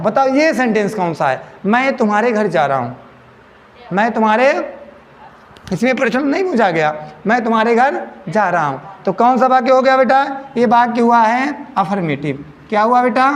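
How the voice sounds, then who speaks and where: A man's voice: sits high, expressive, moderate pace. A man teaching English grammar to a class, repeating each question back to his students. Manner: repeats questions to students, addresses them as beta. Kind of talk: classroom lesson in Hindi. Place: coaching classroom.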